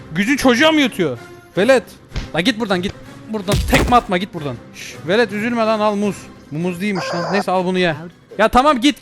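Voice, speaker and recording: A young man playing a VR game on his channel, talking to the characters in loud, excitable commentary, often shouting and swearing at them. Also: high voice. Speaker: gaming YouTuber. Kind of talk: excited let's-play commentary.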